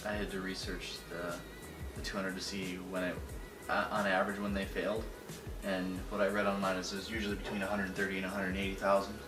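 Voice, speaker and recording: A man's voice: low voice, monotone, brisk, recorded from a distance. A man chatting casually about cars, somewhat hesitant and inquisitive. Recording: echoey, off-mic, loud music behind.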